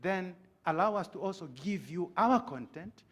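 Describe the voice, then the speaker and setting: A man's voice: sits high, animated, moderate pace, fairly bright tone. A middle-aged man putting an earnest, pointed question to a conference panel from the floor. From Tanzania. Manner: earnest, pointed, makes a case with stories. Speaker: audience member asking a question.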